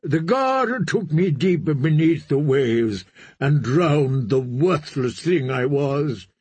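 Heavily acted and animated, a man's portrayal of a sea god's fierce, zealous prophet preaches solemnly with slow, measured weight. His voice sits a touch high, a little mellow and husky around the edges, with big pitch leaps as he cries out, captured in a close, dry recording.

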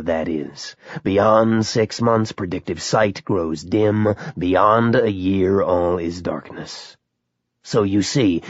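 A cold, inhuman creature drags out each word in a slow, buzzing drone, as a male audiobook narrator puts it on. The voice sits low and husky, and the recording is a little dull and dry. Its tone is meditative and lecturing, never hurried. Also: no room sound, heavily acted. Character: menacing buzzing male creature in yellow coat.

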